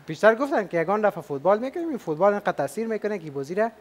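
A man's voice: high-pitched, big pitch swings. A man with an Afghan Dari accent hosting a game show, upbeat and chatty, coaxing the contestants with questions.

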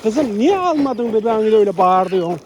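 A man's voice: sits high, big pitch swings, a little fast, slight background noise. A man, feeding animals outdoors and talking to them and to his viewers in a casual, coaxing vlog. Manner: coaxing, repeatedly calling animals with a lilting voice. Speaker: animal feeder and vlogger.

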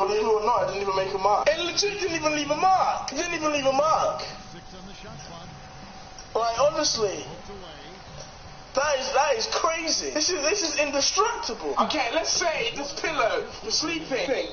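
A young man vlogging casually, talking excitedly, laughing often, swearing and repeating himself. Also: very high voice, moderate pace, crowd noise. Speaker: YouTube vlogger. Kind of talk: casual reaction and product-test vlog. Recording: echoey lo-fi room recording from a distance with music.

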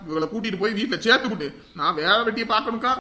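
A man's voice: high voice, animated, rapid-fire, sharp tone, exaggerated voice. A performer playing a brusque, joking village man who is in a hurry to leave, in a family drama.

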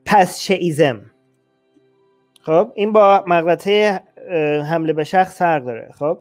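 A man's voice: on the high side, a little mellow, no echo, soft background music. A male host explaining ideas in a casual, hesitant way, often restarting and checking in with the listener. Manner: hesitant, frequent restarts and "okay?" check-ins. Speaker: host of a talk show. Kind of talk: casual explanatory talk on logical fallacies.

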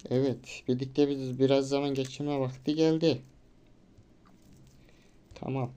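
Male let's-play commentator with a warm, mid-pitched voice; casual, reads dialogue plainly, gets loud when things get hard. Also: measured pace, clear, resonant tone. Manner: gets loud and excited during tricky moments, casual swearing. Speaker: gamer. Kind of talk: let's play commentary, reading game text aloud.

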